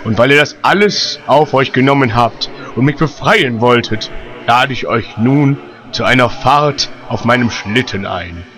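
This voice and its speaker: A man's voice: animated, a bit bright. A man playing a jovial, magnanimous old Santa Claus in a comedic audio drama, with a grand manner. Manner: slow, grand, booming ho-ho delivery.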